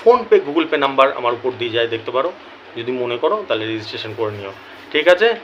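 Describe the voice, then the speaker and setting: A man with a Bengali accent, hosting a lottery result channel and talking casually to his viewers, apologetic and chatty, keeps clearing his throat. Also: medium pitch, very animated, fairly quick, muffled recording, slight background noise. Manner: chatty, repeats "ঠিক আছে?", apologetic. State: throat troubling him.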